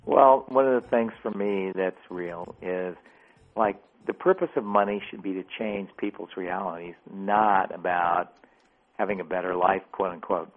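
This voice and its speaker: Gravelly-voiced man on a phone line. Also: deep voice, normal speed, soft background music. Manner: animated, casual storyteller. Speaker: author, radio guest. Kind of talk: phone-in interview storytelling. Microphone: telephone.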